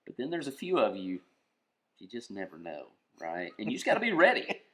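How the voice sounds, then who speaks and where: A man's voice: fairly low pitch, wildly swooping pitch, brisk, pushed and bright. A man musing in a casual podcast chat, wandering and reflective with many fillers. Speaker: skit performer on a podcast.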